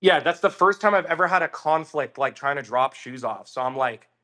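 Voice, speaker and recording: Bright, animated guy telling a story. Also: a little high, a little fast. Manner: animated, swearing, acts out quoted voices. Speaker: podcast guest. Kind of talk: casual storytelling chat.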